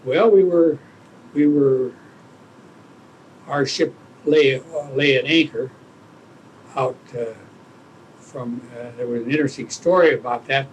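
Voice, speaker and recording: Male, around eighty, old veteran recalling his past in an interview, searching for words, slight background rumble. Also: measured pace, pauses often, low-quality recording. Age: older, around 80. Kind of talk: oral history interview, reminiscing.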